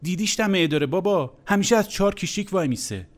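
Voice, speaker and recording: A man's voice: sits high, expressive, voice pushed up. A man voicing a teasing, laughing male coworker in a funny story, mocking and giggly.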